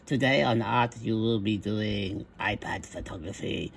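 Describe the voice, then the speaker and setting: A man voicing a mannequin that greets earthlings with a slow, stilted robotic voice filter. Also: on the low side, creaky, slightly rough, exaggerated voice. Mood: stiff greeting. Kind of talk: classroom lesson intro.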